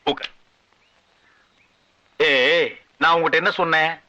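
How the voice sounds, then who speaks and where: An actor playing a bossy, short-tempered middle-aged troupe leader in a 1980s film comedy, loud and sarcastic. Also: male voice, a little high, steady tone, unhurried, dry recording, muffled recording. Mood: exasperated. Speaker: leader of a folk dance troupe.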